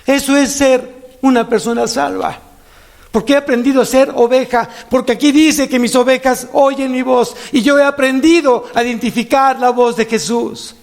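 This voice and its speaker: A man with a Mexican Spanish accent preaching as a pastor in a church, animated, repeating phrases for emphasis. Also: very high voice, normal speed. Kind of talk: sermon.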